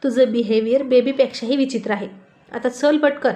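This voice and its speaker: A woman's voice: a little high, steady tone, normal speed, close to an everyday voice. Woman voicing a bossy teasing older brother. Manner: loud, bossy and playful. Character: teasing young adult brother.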